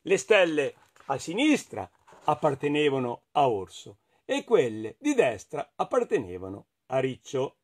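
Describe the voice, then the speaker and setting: A man with an Italian accent reading a children's picture book aloud, expressive and playful, talking to his listeners. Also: mid-range voice, unhurried. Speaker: storyteller.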